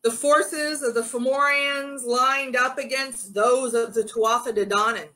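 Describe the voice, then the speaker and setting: Slow, bright-voiced woman storyteller. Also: high-pitched, fairly even intonation, low-quality recording. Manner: slow, earnest, rallying. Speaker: ritual storyteller. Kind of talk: storytelling in a pagan ritual.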